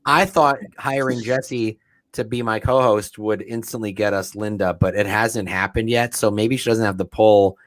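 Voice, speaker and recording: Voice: medium pitch, steady tone, moderate pace, dry recording. A podcast host talks loosely and jokingly, wandering through stories with many fillers. The voice sounds dry and close. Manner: joking, meandering, filler-heavy. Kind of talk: casual chat.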